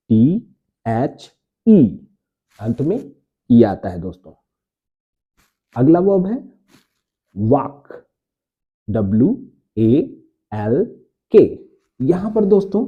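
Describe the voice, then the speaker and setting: A man's voice: medium pitch, breathy edge. A man teaching a spoken grammar lesson to viewers, repeating words and spelling them out letter by letter, calling his viewers friends. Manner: addresses viewers warmly as friends. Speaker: English teacher. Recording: tinny phone-like audio.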